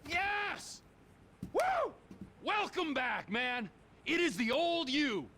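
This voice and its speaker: A man playing a volatile, unhinged middle-aged criminal in a video game cutscene, swinging from low menace to explosive shouting. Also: animated, normal speed, a little hiss or hum, lightly acted. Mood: exultant.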